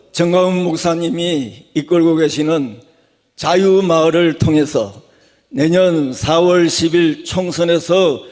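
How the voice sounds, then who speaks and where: A man reads a formal resolution aloud in a solemn, deliberate way, phrase by phrase. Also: on the high side, a little mellow. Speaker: association leader reading a resolution. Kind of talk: formal read-aloud declaration. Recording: echoey hall with long reverb.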